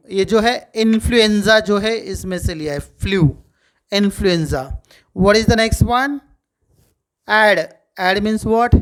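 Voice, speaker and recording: Male teacher, Indian English accent, unhurried delivery, quizzes himself aloud while explaining, middle-aged. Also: high voice. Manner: asks rhetorical questions and answers them himself. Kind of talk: video lesson mixing Hindi and English.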